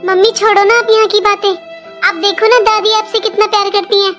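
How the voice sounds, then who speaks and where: A woman's voice: very high voice, little pitch movement, fairly quick, over music. A woman voicing an outspoken young girl who pleads with her aunt and mother in a family drama. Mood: pleading. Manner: pleading, childlike.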